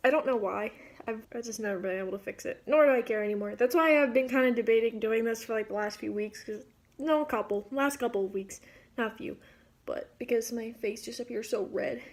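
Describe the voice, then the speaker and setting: Female beauty vlogger, higher register, casual rambling makeup-tutorial chat. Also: fairly quick. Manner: informal, rambling, self-interrupting asides.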